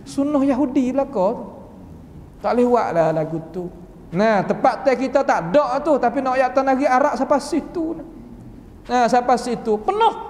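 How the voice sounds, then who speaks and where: A man's voice: very high-pitched, darkish tone. A man with a Kelantan-Patani Malay accent giving a Quran commentary lesson as a religious teacher, folksy and full of rhetorical questions. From southern Thailand (Patani). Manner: folksy, asks rhetorical questions, acts out quoted voices. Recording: long reverb of a large hall.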